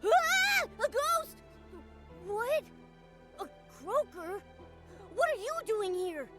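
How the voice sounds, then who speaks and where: A woman voicing a small, excitable and easily startled companion in a game. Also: extremely high pitch, drawn-out words, faint music behind, full character voice. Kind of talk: scripted game dialogue.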